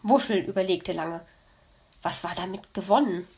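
A woman narrating a children's story in a calm, even storytelling manner. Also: fairly low pitch, normal speed. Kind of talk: audiobook narration.

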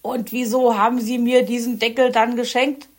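A gruff male fox grumbles his way through the scene, voiced by a woman storyteller. He speaks loudly and curtly, a bossy grouch from a children's audiobook. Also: on the high side, little pitch movement, normal speed, pitched above the performer's own voice, close to an everyday voice. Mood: grumbling.

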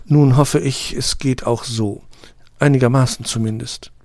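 A man's voice: mid-range voice, steady tone, measured pace, a little mellow, no echo, clean studio sound, pitched above the performer's own voice, close to an everyday voice. A man reading an audiobook, voicing a proud, tender female rose flower that speaks formally and gets tearful. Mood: flustered.

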